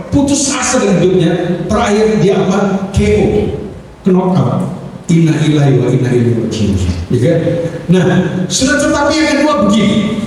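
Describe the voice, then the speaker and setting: A man's voice: high-pitched, darkish tone, a little hiss or hum. A man with an East Javanese accent, a pastor preaching a sermon in storyteller fashion, who keeps calling on his listeners and acts out short bits of speech. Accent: Indonesian, East Javanese. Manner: storytelling preacher, addresses the congregation as "saudara", acts out voices. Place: large church hall. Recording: echoey church hall, mic from a distance.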